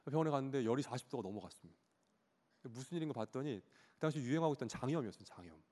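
A man in his thirties preaching a sermon, telling a personal story about his child in an animated way and acting out the child's cries. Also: mid-range voice. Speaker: pastor. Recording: long hall reverb.

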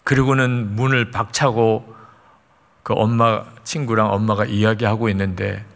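Male preacher, gravelly, emotive storyteller, long reverb. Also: fairly low pitch, flat delivery, moderate pace. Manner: emotive, acts out quoted voices, drops to near whispers. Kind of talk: sermon storytelling.

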